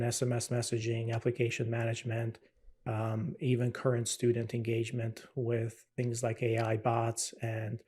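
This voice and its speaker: A middle-aged man from Albania, a podcast guest, speaking in a measured, hesitant way with many "um"s. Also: medium pitch, mellow, breathy edge. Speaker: guest, company CEO. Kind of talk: conversational podcast interview.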